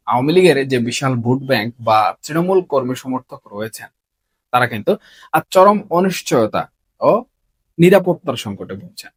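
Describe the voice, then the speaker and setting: A man, hosting a solo political commentary in an earnest, measured way and often asking rhetorical questions. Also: mid-range voice, dry recording. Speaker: political commentator, channel host.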